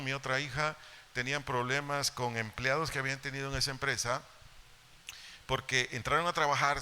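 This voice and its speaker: A man's voice: medium pitch, pushed and bright, a little hiss or hum. A middle-aged man with a Mexican Spanish accent preaching a sermon to parents in a church, repeating key phrases and Bible references for emphasis. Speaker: pastor. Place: church hall.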